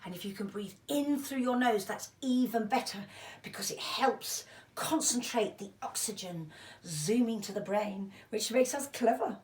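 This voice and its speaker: High-voiced woman, chatty and encouraging, echoey room. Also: unhurried. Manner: chatty, self-deprecating, encouraging. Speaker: mindfulness and breathing teacher. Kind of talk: informal instructional video, chatty demonstration. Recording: roomy echo, distant microphone.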